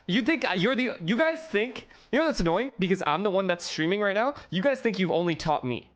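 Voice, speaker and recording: A man streaming a live esports watch-along, excitable and profane, talking straight to his chat. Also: sits high, fairly quick.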